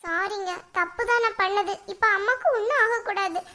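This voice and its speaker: A woman's voice: very high voice, fairly quick, pushed and bright. A woman voicing a tearful young cartoon wife. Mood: guilt-ridden. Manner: tearful, pleading. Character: young wife, weepy and guilt-stricken. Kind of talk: cartoon voice acting.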